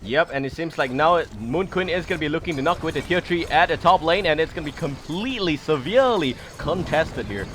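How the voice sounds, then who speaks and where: A man calls an esports match, words tumbling out quickly in a slightly raised voice that gets louder as fights break out. Steady background noise hums under the recording. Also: fairly high pitch. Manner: quick, excitable, rises loud during fights. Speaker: esports commentator. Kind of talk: play-by-play game commentary.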